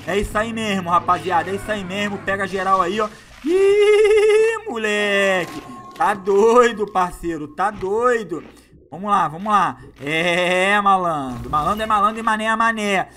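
A man doing excitable, slangy live gameplay commentary as a gaming YouTuber, hyping up his viewers. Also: sits high, unhurried, slight background noise.

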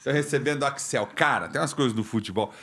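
A middle-aged Brazilian man hosts a studio podcast, trading jokes and questions with his guest. His voice is mid-pitched and close to the mic. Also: fast, a bit bright. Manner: jokey, banters with guest. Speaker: podcast host. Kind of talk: casual interview. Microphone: studio mic on stand.

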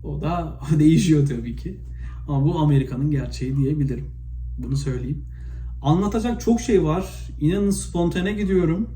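A man from Turkey vlogging in a casual, spontaneous monologue, retelling stories with lots of fillers and animated bursts. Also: on the high side, moderate pace. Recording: echoey room, faint background noise.

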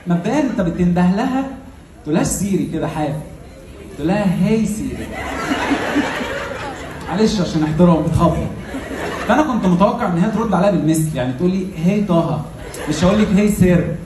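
A young man with an Egyptian accent doing an exasperated, animated stand-up comedy rant on stage, acting out exchanges into a handheld microphone. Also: high voice, racing. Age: young adult. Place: indoor comedy club stage. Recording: echoey, noisy live club with laughing crowd. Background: audience laughter.

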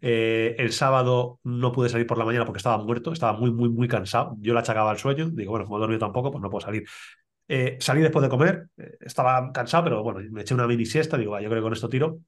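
A man's voice: medium pitch, rapid-fire. A man with a Spain Spanish accent hosting a cycling podcast in casual chat, laughing often and swearing freely. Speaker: podcast host.

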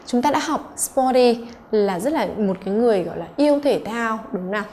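A woman's voice: a little high, animated, fairly quick, a little mellow, slight background noise. A woman English teacher, patiently going through exam answers and checking in with her students.

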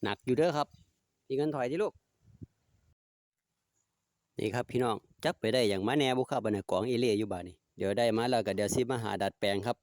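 A man with an Isan accent, chatting casually and politely while doing DIY work in his yard. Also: mid-range voice. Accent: Isan (Northeastern Thai). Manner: easygoing, chatty, polite particles, talks to his dogs. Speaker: DIY vlogger. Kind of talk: casual narration while working outdoors. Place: outdoor home yard.

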